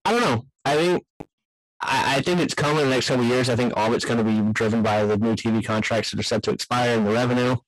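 A man's voice: medium pitch, quick pace, slight background noise, poor audio. A man hosting a casual sports podcast, giving firm opinions with joking asides about himself. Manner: opinionated, self-deprecating asides. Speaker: podcast host.

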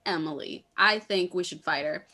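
A woman with a bright, tense voice talks in loose, casual podcast chat. She retells film scenes bluntly, with plenty of swearing and snark. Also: on the low side, moderate pace. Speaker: podcast co-host.

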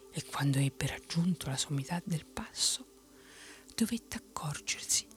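A woman telling a bedtime story in a soft unvoiced whisper. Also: low-pitched.

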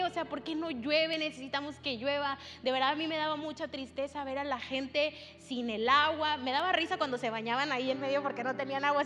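Young woman preaching, high voice, chatty story, echoey church with faint music. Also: a bit bright. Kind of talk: sermon. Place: church hall. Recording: long hall reverb with faint music.

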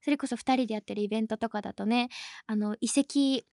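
A woman's voice: on the high side, quick pace, dry recording, studio quality. A young woman hosting a podcast in casual chat, telling stories in a chatty way and laughing often. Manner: lively and chatty. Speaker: podcast host.

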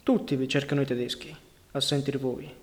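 A man's voice: mid-range voice, little pitch movement, a little fast, lightly acted. A man voicing a cold, suspicious armed partisan guard who questions in a curt, interrogating manner, in a storybook reading. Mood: cold questioning. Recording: long reverberant hall sound.

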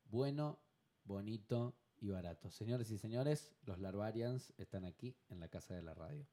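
A man's voice: fairly low pitch, expressive, normal speed, dark tone. A man hosting a radio interview in a studio, asking questions in an upbeat, announcer-like way. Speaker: radio host. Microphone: studio microphone.

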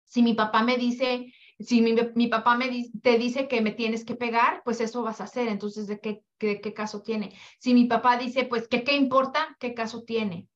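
A woman's voice: on the high side, level tone, moderate pace, few pauses. A middle-aged woman hosting a podcast, giving a motivational talk to mothers, full of rhetorical questions and acted-out quotes. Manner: preachy, rhetorical questions, acts out quoted lines. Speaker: podcast host and parenting coach. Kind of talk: motivational monologue. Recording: dull lo-fi podcast audio.

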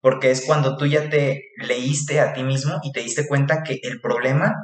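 An earnest young man with a Mexican Spanish accent co-hosts a casual podcast, talking in an animated, slangy way. His voice sits at an ordinary middle pitch and rings around a roomy, echoey space. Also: moderate pace. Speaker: podcast co-host. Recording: echoey room.

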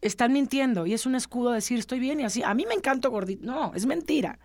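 A woman's voice: a little high, fast, no echo. A middle-aged woman, telling a personal story earnestly and acting out what others said. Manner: earnest, animated, acts out quoted dialogue. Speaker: podcast co-host, interviewee.

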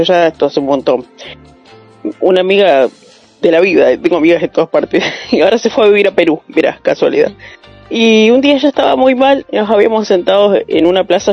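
A woman with a Rioplatense Spanish accent, talking reflectively and telling stories in a casual panel chat. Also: fairly low pitch. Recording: dull lo-fi sound.

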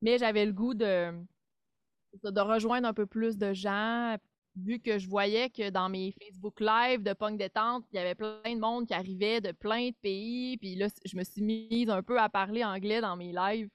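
Quebecois lady guest chatting w lots of euhs, dry close sound, middle pitch. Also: steady tone, moderate pace, clean tone, no echo, faint music behind. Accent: Québécois French. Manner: chatty, many fillers, laughs easily. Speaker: podcast guest. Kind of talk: casual interview chat. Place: home studio.

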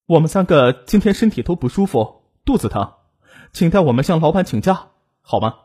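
A terrified young woman begs for her life in a tearful, high-pitched voice, as a male narrator puts her on. Her pleading is set slightly huskily inside a spoken crime story. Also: very animated, brisk, darkish tone, breathy edge. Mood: forced calm. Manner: tearful, begging.

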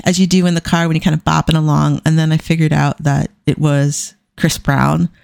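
A woman's voice: low-pitched, level tone, a little fast, vocal fry, a little mellow, dry recording, studio quality. A middle-aged woman hosting a podcast alone, chatting casually with irreverent, self-deprecating humour. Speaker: podcast host. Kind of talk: casual solo podcast talk.

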